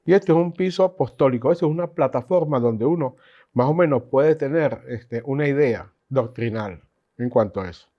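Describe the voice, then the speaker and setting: A man's voice: mid-range voice, normal speed. Man teaching a Bible class. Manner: animated, chatty teaching with asides and laughs. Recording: dull lo-fi recording.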